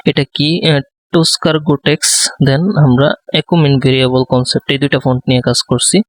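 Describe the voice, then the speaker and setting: A man giving a design tutorial, speaking softly close to the microphone and thinking aloud with many fillers. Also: mid-range voice, steady tone, unhurried, no room sound. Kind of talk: live screen-recorded tutorial.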